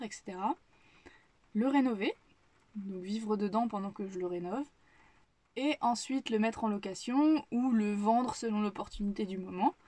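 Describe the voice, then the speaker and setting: A woman's voice: mid-range voice, a little mellow. Rambling young French woman vlogging at home. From Paris region, France. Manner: rambling, thinking aloud with many restarts. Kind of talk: casual chat to camera. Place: home kitchen, indoors.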